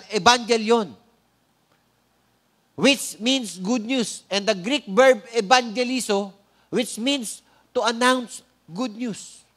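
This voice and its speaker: A high-pitched man with a Filipino accent delivers a church sermon. He keeps checking in with the congregation with "Amen?" and stretches out important words to stress them. Now and then he slips in a light, joking aside. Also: fairly bright tone. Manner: frequent "Amen?" prompts to the congregation; slows down to stress key words. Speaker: preacher. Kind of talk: sermon with opening prayer.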